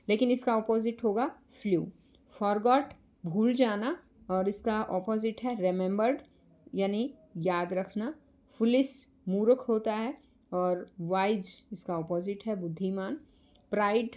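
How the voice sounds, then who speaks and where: A woman teacher with an Indian English accent explaining a poem lesson to children, reading English lines slowly and then explaining them. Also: mid-range voice, darkish tone.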